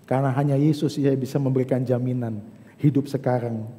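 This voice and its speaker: A male pastor preaching a sermon, speaking straight to his congregation and moving between hushed, slow passages and fervent, rising ones. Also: medium pitch, fairly even intonation. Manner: addresses congregation directly, swings from hushed to fervent. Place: church service. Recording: church hall reverb.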